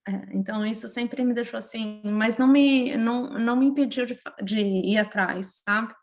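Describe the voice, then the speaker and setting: A woman's voice: on the high side, moderate pace. A woman from Brazil, speaking with a Brazilian Portuguese accent, tells personal stories as a guest in a casual podcast interview. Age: adult, mother of a young child. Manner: lively, emotional personal storytelling.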